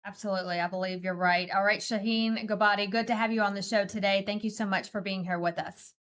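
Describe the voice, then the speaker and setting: A woman's voice: medium pitch, fairly even intonation, fast, fairly bright tone. A woman hosting a morning news show, asking direct and pressing questions. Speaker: news host.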